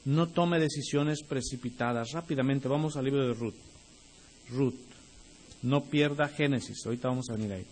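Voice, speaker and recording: A man's voice: medium pitch, normal speed, a little mellow, slight background noise. A young adult male pastor preaching a sermon, speaking directly to the congregation and rising into emphatic bursts.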